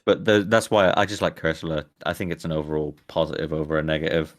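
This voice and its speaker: Low-voiced man chatting casually. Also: fast talker. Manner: rambling, self-correcting, laughs easily. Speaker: streamer host. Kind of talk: casual chat.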